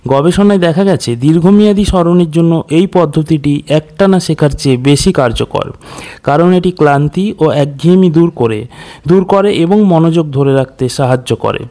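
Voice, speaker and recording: Guy running an exam quiz lesson, mellow voice, a bit high, clears his throat sometimes. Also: normal speed. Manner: reads questions and options, then explains answers; mixes in English terms, clears throat now and then. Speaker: exam prep teacher.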